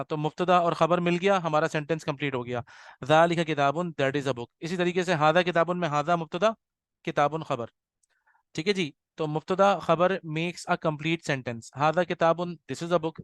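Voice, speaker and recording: Patient male language teacher, crisp voice. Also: fairly high pitch, dry recording. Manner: patient, repeats words slowly and checks in often. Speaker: Arabic teacher. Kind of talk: classroom grammar lesson.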